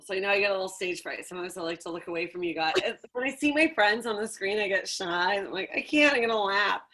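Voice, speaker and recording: A woman's voice: medium pitch, expressive, fast, pushed and bright. A chatty woman competing in a contest, joking casually and a little dramatically.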